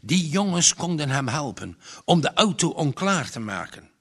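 A man narrating a storybook aloud with a lively, expressive delivery. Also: a little high, moderate pace, husky. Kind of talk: storybook reading.

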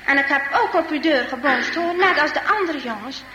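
A frightened, injured boy hesitantly owns up in a storybook tale, voiced by a woman reading aloud. The voice is high and bright, and a long hall echo with faint background noise surrounds it. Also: lively intonation, normal speed. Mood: confessing.

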